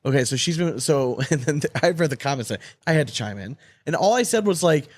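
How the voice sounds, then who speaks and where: A man's voice: a little high, animated, fairly quick, no room sound, studio quality. A man hosting a casual podcast conversation, talking informally and repeating himself for emphasis. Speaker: podcast host.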